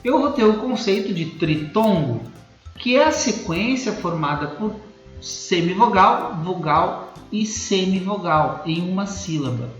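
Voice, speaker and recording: Professor brasileiro de voz aguda e animada. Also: male voice, sits high, lively intonation, a little slow. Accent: Brazilian Portuguese. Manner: explanatory, checks in with the class often. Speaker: teacher. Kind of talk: recorded grammar lesson. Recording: muffled, roomy echo, faint music.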